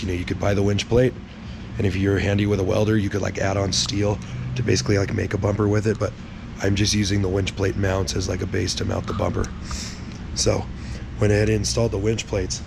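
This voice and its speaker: Worn out and ill, a man hosting a truck build vlog rasps through his explanations in a gravelly, strained, low voice full of fry. Noise is clearly audible behind him as he talks casually, bluntly, and with plenty of swearing.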